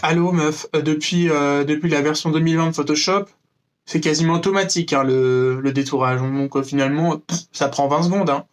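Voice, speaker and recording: A man's voice: a little high, fairly even intonation, brisk. A young man from France ranting to camera in a sarcastic, mocking, rambling way, with many fillers and restarts. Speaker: vlogger. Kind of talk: freestyle rant to camera.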